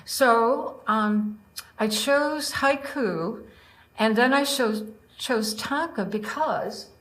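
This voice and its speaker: A woman's voice: mid-range voice, fairly bright tone, rough recording. An older woman speaking as an open mic poet, chatty and digressive, often addressing her listeners directly. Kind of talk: casual spoken introduction to her own poems, with short recitations.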